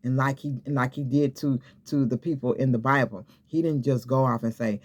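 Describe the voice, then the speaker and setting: A man with a medium-pitched, steady voice talks briskly, giving an informal sermon straight to the camera. He exhorts and repeats himself, restarting often and checking in again and again with "okay?"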